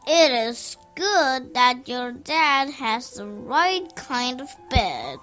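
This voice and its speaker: A woman voicing a playful, boastful male cat in a hat for a read-aloud picture book, drawing out his words in a slow, sing-song way. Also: sits high, very animated, fairly bright tone, soft background music, pitched above the performer's own voice, exaggerated voice. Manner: slow, drawn-out, sing-song storybook delivery.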